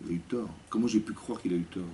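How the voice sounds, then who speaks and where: A male rabbi giving a spoken religious lesson to a women's class, lively, often asking the listeners questions and acting out dialogue. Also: on the low side, quick pace. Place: community hall classroom. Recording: distant mic with faint background noise.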